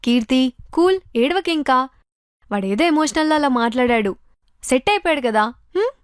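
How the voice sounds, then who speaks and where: A woman's voice: high voice, animated, normal speed, no room sound, clean studio sound. A young woman with a Telangana Telugu accent, playing a friend in a scripted comedy sketch, with a bossy, scolding manner.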